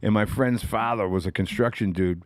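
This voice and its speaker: Middle-aged guy swearing through a story, kinda low voice, dry close sound. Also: moderate pace, dry recording. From Boston area. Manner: profane, laughing, acts out voices in his stories. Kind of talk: casual storytelling chat.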